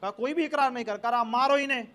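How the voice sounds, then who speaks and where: A man's voice: very high-pitched, pushed and bright. A male preacher telling a story in a sermon, animatedly speaking the characters' lines in turn.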